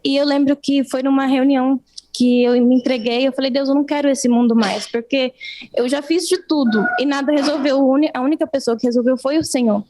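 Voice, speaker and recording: A young woman giving an earnest personal testimony in an interview, speaking haltingly with many restarts. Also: high-pitched, fairly even intonation, mellow.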